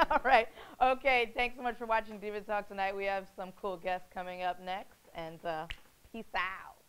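A woman's voice: mid-range voice, moderate pace, a bit bright. Woman host on a casual talk show, jokey and giggly, bit of faint hiss behind her. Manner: playful, giggly, repeats guests' words. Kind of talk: casual chat show interview.

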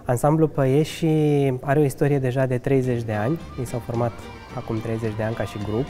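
A man in his thirties from Romania speaks as a restaurant manager in a conversational interview. His voice is warm and mellow, and he talks with earnest enthusiasm. Faint music sits low behind him in a restaurant lounge, and his voice comes through a handheld mic. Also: steady tone. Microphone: handheld mic held by interviewer.

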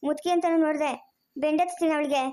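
A woman's voice: high-pitched, fairly even intonation, quick pace, dark tone, natural voice. A woman voicing a caring, protective elder sister in a cartoon who coaxes and comforts. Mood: soothing. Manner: soothing, coaxing, repeats comfort.

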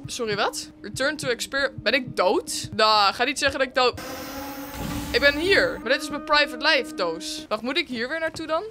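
A woman hosting a horror game let's play, narrating her moves and exclaiming at every scare. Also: high-pitched. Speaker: gaming video host.

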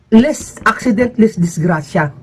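A man talking casually to his viewers in a rambling, emphatic way, his pitch swinging up and down. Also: lively intonation, takes it slowly, darkish tone, a little hiss or hum. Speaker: vlogger.

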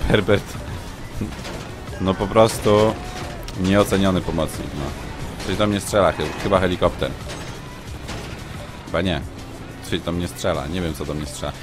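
Guy streaming a game, slow talker, mumbles then yells and yelps a lot, music playing faintly. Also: deep voice. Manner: excitable, shouts and yelps when under fire. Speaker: gaming streamer. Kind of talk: live gameplay commentary.

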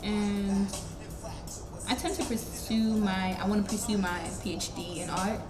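A woman of twenty-one who grew up in Ghana, an art student answering interview questions in a relaxed, candid way with casual slang, recorded in a large art studio. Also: mid-range voice, measured pace. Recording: echoey studio with music behind.

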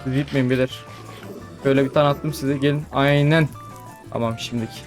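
A young man giving casual commentary over his own gameplay, chatting to the creatures on screen and breaking into excited exclamations. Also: mid-range voice, normal speed. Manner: chatty, talks to mobs, frequent excited exclamations. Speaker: gaming YouTuber. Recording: faint background music.

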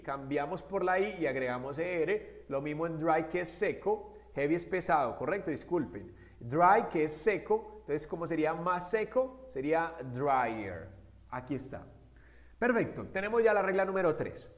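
A man teaching an English grammar lesson to Spanish speakers, explaining step by step and often checking with short questions. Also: high voice. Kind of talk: classroom-style grammar lesson.

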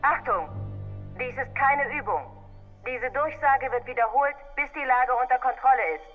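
A cold, official security announcer in a video game, giving a stern, commanding warning over an air raid loudspeaker. The voice sounds thin and phone-like, with music faintly behind it. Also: high voice, normal speed. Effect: air raid style loudspeaker announcement.

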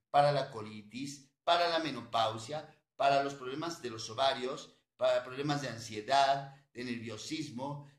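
A man with a Mexican accent, a naturopathic doctor hosting a health program, pitching his remedies emphatically and repeating himself as he speaks straight to his listeners. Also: reverberant. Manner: emphatic and repetitive, addressing listeners directly. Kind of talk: broadcast product pitch.

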